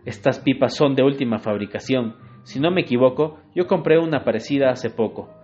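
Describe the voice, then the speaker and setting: A man's voice: medium pitch, fairly quick, darkish tone, lightly acted. A stern, blustering father of a family, as a man reads him aloud in a storybook telling. He scolds and huffs with pompous authority over a faint bed of guitar. The recording is dull and lo-fi. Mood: scolding. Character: stern middle-aged father, proud and quick-tempered. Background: faint guitar music.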